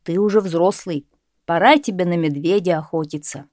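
A woman voicing an old father in a storybook tale, speaking calmly and plainly while gently scolding his son. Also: lowish voice, normal speed, no echo, clean studio sound, natural voice. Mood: chiding. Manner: calm, plain, gently chiding.

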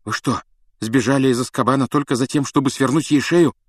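A man's voice: medium pitch, steady tone, brisk, dry recording, clean studio sound, pitched above the performer's own voice, close to an everyday voice. A man voicing a teenage boy who speaks faintly but firmly. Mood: defiant. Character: weak but stubborn teenage boy clutching a pet rat.

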